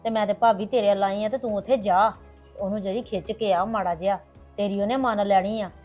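A woman's voice: mid-range voice, steady tone, a little fast, a little mellow, soft background music, natural voice. A middle-aged woman playing a worried mother who visits her sister-in-law and pleads anxiously for help, in a family drama. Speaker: character in a family drama vlog. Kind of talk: hobby village family drama.

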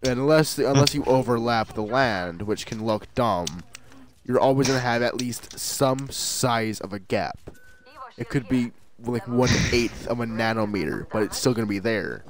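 A man's voice: mid-range voice, normal speed. Man explaining while gaming, faint hiss. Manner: explaining, blunt. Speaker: gamer. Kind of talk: casual gaming chat.

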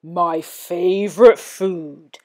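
A woman's voice: on the low side, drawn-out words, heavy background noise. A woman voicing a big, gullible male storybook monster with a menacing, theatrical manner. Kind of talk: children's storybook character voice.

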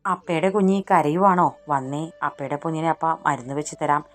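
A woman's voice: sits low, a little fast, soft background music, lightly acted. A woman voicing a young husband and father who speaks firmly and earnestly in a storybook reading. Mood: tender. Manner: firm, earnest.

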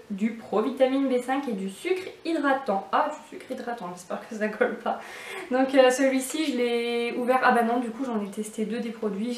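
A woman's voice: a little high, darkish tone, recorded from a distance. Chatty woman in an echoey room. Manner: chatty, hesitant with many fillers. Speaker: beauty box vlogger. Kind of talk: casual unboxing chat. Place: indoors at home.

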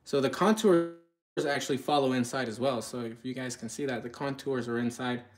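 A brisk, medium-pitched male voice belongs to a product reviewer who runs his own channel. He chats informally and somewhat haltingly to his audience while commenting live on products in his home kitchen.

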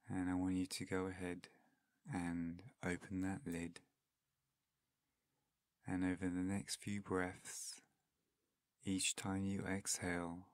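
A guided meditation is led by a man whose deep voice stays soft and almost flat in pitch, extremely even throughout. He takes his time, soothing and unhurried, leaving long gaps between phrases. The sound is close and dry, with no echo.

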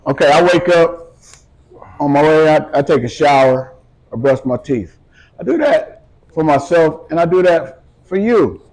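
High-voiced joking barber man. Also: lively intonation, measured pace, a little mellow, poor audio. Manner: blunt, joking rants. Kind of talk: casual chat.

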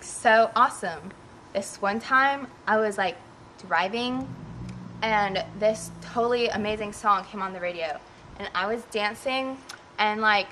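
A young woman playing a ditzy valley-girl customer, gushing haltingly through a testimonial. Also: mid-range voice, pushed and bright, low-quality recording. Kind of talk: mock testimonial. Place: outdoors. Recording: faint outdoor background noise.

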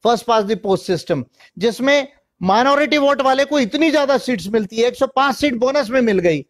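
A man's voice: very high-pitched, expressive, moderate pace. A man giving an explanatory talk, switching between Hindi and English phrases and reading long lists aloud. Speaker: speaker on electoral reform. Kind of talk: lecture-style talk.

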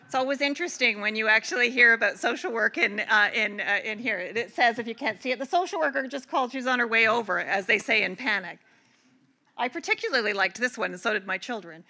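Delivering a conference keynote in a large convention hall, this middle-aged woman from Canada talks fairly quickly in a fairly high, sharp-toned voice. Her manner is earnest and conversational, with frequent restarts.

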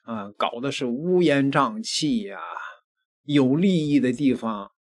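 A middle-aged man giving news commentary into a desk microphone, deliberate, with pauses and emphatic repetition. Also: medium pitch, lively intonation. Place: small indoor studio at a desk. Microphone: desk microphone close in front.

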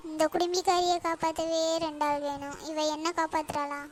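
A woman's voice: high-pitched, little pitch movement, fairly quick, slight background noise, lightly acted. A woman voicing a panicky, fretful middle-aged mother in a cartoon, wailing and scolding sharply. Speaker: cartoon character.

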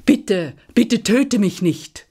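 A woman's voice: rumbling low, measured pace, darkish tone, breathy edge, heavily acted. A woman voicing a grateful, cunning male dragon, pleading and coaxing in a storytelling performance.

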